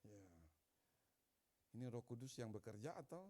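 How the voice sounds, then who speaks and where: A man preaching a sermon as pastor, telling stories and rising to loud emphatic bursts. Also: medium pitch, lively intonation, normal speed.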